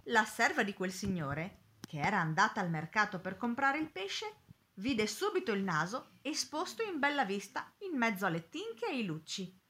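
A woman reads a storybook aloud with expressive, lively delivery. Her voice is bright and ringing, and her pitch rises and falls animatedly. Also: normal speed, slight background noise. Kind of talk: storybook narration.

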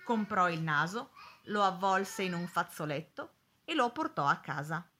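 A woman narrating a storybook in an expressive, lively way. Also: fairly low pitch, unhurried, slight background noise.

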